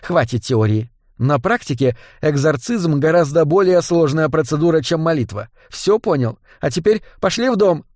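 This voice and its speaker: A man's voice: on the high side, animated, normal speed, hardly any pauses, a little mellow, dry recording, lightly acted. A man voicing a stern, sardonic female nun exorcist in an audiobook, curt and dry.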